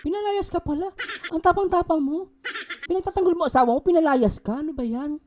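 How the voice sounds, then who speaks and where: Vlogger host doing mocking gossip commentary over soft guitar music. Scolds, laughs at their own jabs. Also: extremely high pitch, fairly quick.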